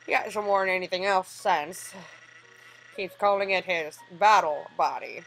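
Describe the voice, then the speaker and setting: A laid-back, joking skeleton man from a video game, played by a woman gamer, talking slowly and low-key. Faint game music runs behind the voice. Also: fairly bright tone, low-quality recording. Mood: easygoing.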